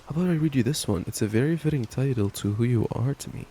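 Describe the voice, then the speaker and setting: In this intimate boyfriend ASMR and bedtime reading, a young roleplayer talks quickly at a medium pitch. His manner is playful, casual and affectionate, with steady rain heard in the background.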